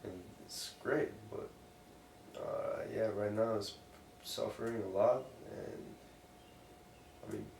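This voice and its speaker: Gravelly, low-voiced man, drunkenly rambling. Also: fairly even intonation, takes it slowly, pauses often, a little mellow. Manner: loose, profane, drunken rambling. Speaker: interviewee. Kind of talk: casual rambling interview chat. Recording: roomy, distant mic, faint noise.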